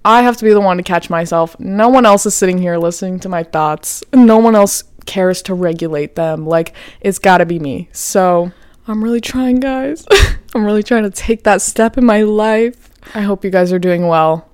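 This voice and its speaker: A young woman talks through her solo podcast in a loose, candid way, swearing freely and filling every pause with "like". Her voice is smooth and clear at an ordinary pitch. The sound is dry and close, with no room around it. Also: dry recording. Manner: chatty, profane, says "like" a lot, laughs often. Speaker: podcast host. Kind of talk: casual solo podcast talk.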